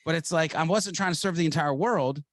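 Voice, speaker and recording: A man from Ohio, a podcast guest, telling his story in an animated, fast-moving way. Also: a little high, no echo. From Ohio, United States. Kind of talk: interview storytelling.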